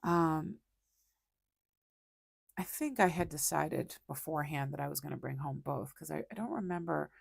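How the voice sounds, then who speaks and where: A woman hosts an art livestream and chats casually while she draws. She rambles through her stories with lots of ums and restarts, in a lowish, gravelly voice recorded close and dry. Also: expressive, moderate pace, long pauses, no room sound. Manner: rambling storyteller with many fillers and restarts. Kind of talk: casual chat while drawing.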